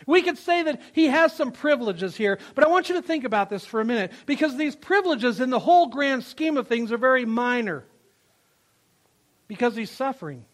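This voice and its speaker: A man preaching a sermon as pastor, emphatic, repeating phrases and swinging from loud to quiet. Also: very high-pitched, expressive, a little fast. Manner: emphatic, repeats phrases, rises and drops in volume.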